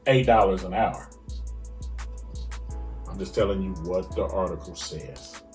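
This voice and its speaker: Male podcast co-host, animated stammering rant, echoey room with faint music. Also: low voice, a little slow, distant mic. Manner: animated ranting with frequent stammered restarts. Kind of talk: casual chat.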